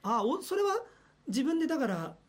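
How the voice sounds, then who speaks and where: A man's voice: extremely high pitch, big pitch swings, moderate pace. A man working as a radio personality, chatting casually and animatedly in a studio, often laughing and imitating voices.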